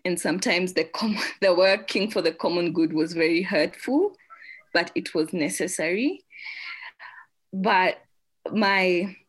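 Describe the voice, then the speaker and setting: A woman hosting a faith podcast interview, excited and laughing often. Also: on the low side, unhurried, slightly rough. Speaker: podcast host. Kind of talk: casual conversational interview.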